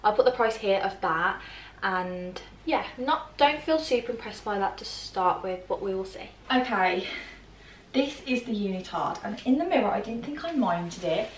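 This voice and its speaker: Expressive and medium-pitched, this young British woman in her twenties talks at normal speed through a clothing try-on, full of fillers and a constant "like". She's in a plain grey bedroom, caught by a camera mic across the room, so her voice sounds distant and a bit off-mic amid roomy echo, faint ambience, and slight background noise.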